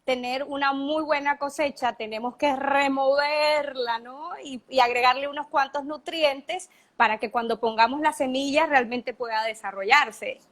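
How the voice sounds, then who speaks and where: A woman's voice: high-pitched, fairly even intonation, moderate pace, hardly any pauses, fairly bright tone. A woman from Colombia hosting a live video chat, adding short comments and comparisons to her guest's points. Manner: brief agreeing interjections, metaphors. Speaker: host of a live interview. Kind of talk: casual interview chat. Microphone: video call.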